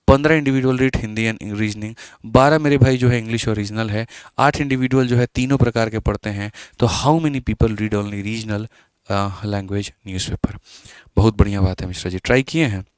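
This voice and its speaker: A man's voice: fairly low pitch, smooth, dry recording. A man teaching maths in a live online exam-prep class, chatty and scolding his students, mixing English terms into his talk.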